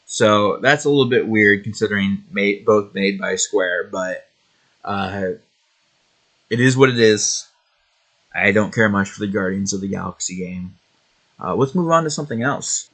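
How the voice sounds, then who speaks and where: A man's voice: on the low side, fairly bright tone. A man hosting a video game show, giving casual opinion commentary in a hesitant, rambling, matter-of-fact way.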